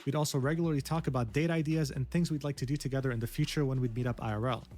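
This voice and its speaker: A man narrating a commentary video from a script, briskly recounting screenshots of messages. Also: medium pitch, steady tone, a little mellow.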